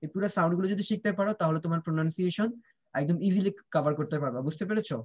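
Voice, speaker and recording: In an online class, a man with a high-sitting, very fast voice teaches children pronunciation. He drills sounds, keeps asking whether the students understand, and switches between Bengali and English.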